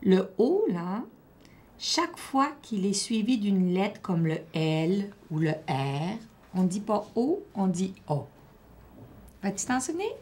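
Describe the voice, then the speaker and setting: A woman's voice: mid-range voice, sing-song, slow, darkish tone. A woman teacher, patiently questioning and encouraging a child during a one-on-one reading assessment.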